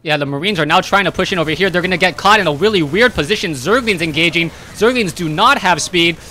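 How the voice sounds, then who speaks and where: A man with a high, bright, sharp voice calls play-by-play for a strategy game. He narrates every unit move briskly, and his voice lifts with excitement when the fighting starts. It is a crisp, fast-reacting caster delivery. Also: a little hiss or hum. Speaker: esports caster. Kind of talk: play-by-play commentary.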